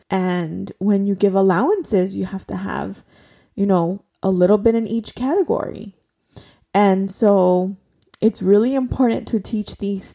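A woman's voice: mid-range voice, warm tone. A woman in her forties hosting a podcast, talking in an earnest, conversational way with many fillers. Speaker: podcast host. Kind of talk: personal podcast monologue.

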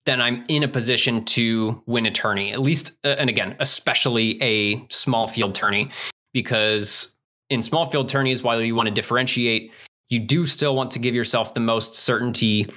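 A man's voice: mid-range voice, fairly even intonation, moderate pace, bright, forceful tone. A man breaking down fantasy sports picks in a casual analytical podcast, thinking aloud with frequent asides.

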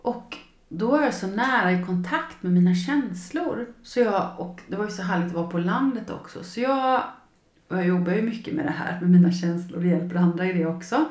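Expressive woman talking in a roomy space. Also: lowish voice. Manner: emotional and expressive, acts out her own past feelings. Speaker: podcast host and coach. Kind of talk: personal podcast monologue.

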